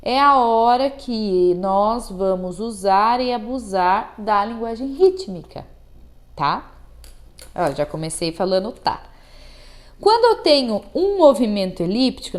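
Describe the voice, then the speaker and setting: A Brazilian woman teaching music theory to students, patient and checking in often, counting and chanting rhythm syllables aloud. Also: mid-range voice. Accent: Brazilian Portuguese.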